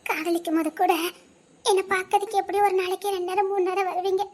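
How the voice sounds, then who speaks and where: A woman's voice: very high voice, little pitch movement, quick pace, darkish tone. A woman playing a wistful grieving widow. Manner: wistful, tearful, half-laughing. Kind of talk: cartoon voice acting.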